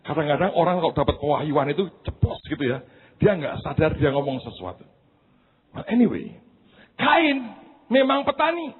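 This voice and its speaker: A man pastor preaching a sermon, swinging from quiet asides to high shouted preaching, with humorous stories and acted-out quotes. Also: very animated, moderate pace, a little hiss or hum. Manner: tells humorous anecdotes and acts out quoted voices. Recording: thin phone-like sound.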